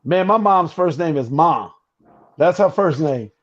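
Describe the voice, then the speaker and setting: A man's voice: a little high, lively intonation, a little slow. A man co-hosting a casual talk show, speaking in a laid-back, slangy and emphatic way. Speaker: co-host. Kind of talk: casual chat. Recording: dull, slightly lo-fi sound.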